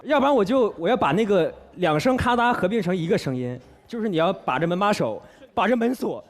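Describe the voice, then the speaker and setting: A man telling an earnest, comedic personal story on a variety talk show, his voice dropping softly on asides, in a television studio. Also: high-pitched, expressive, fairly quick. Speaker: guest storyteller.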